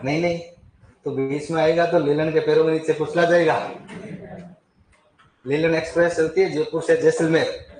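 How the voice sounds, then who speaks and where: A man tells a folk legend to a class, chatty, with asides and questions to the students and frequent throat clearing. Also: fairly high pitch, darkish tone, roomy sound, a little hiss or hum, low-quality recording. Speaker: teacher. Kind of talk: storytelling lesson on folk deities.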